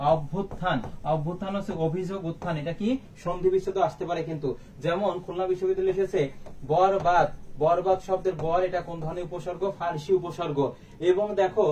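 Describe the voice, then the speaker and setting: A man with a high-pitched, slightly mellow voice teaches a live online exam-prep class. He quizzes by posing questions and answering them himself, and the slightly distant mic picks up faint background noise.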